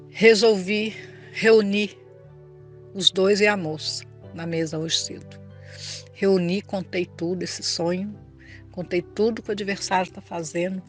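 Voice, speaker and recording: Older woman, heartfelt testimony voice, mid pitch, soft music under her. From Brazil. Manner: earnest, tearful storytelling, addresses listener as brother. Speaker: church member giving testimony. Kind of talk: emotional personal testimony.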